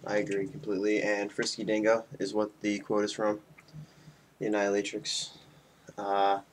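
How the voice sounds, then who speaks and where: A man in his twenties, tipsy from beer, rambles loosely to his friends in a homemade webcam vlog, his fairly low voice monotone and moderately paced. He's in a small room at home, with the webcam mic about arm's length away picking up faint noise.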